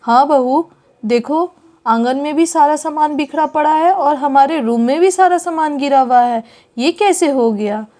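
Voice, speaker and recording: Woman playing a loud elderly family patriarch in a doll story, slow delivery. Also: high-pitched. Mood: commanding. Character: older father-in-law, head of the family.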